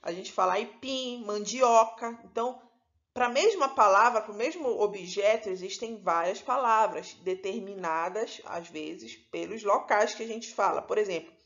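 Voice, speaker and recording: A woman's voice: medium pitch, a little slow, a bit bright, highs cut off. A woman from Pará with a Paraense Brazilian accent, teaching a recorded lesson in an explanatory way, often adding "né" and correcting herself mid-phrase. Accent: Paraense Brazilian Portuguese. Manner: explanatory, with frequent "né" and self-corrections.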